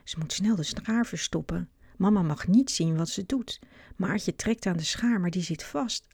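A woman reading a children's book aloud with clear, expressive narration. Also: lowish voice, measured pace, dry recording, studio quality. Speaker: storyteller.

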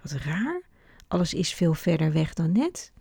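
A woman voicing a brave, lively young girl in a storybook reading. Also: medium pitch, unhurried, creaky, slightly rough, no echo, studio quality, exaggerated voice. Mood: eager.

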